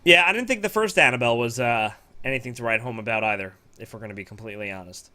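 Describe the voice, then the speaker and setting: A man's voice: medium pitch, very fast, sharp tone. A man co-hosting a casual podcast, joking and teasing his partner. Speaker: co-host.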